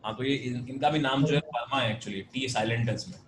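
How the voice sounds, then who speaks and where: A man's voice: mid-range voice, fairly quick, roomy sound, noisy background. A man with an Indian accent teaching a math class over a video call, explaining patiently and switching between Hindi and English. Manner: patient, explanatory, mixes Hindi and English, calls students "beta". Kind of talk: online class lecture.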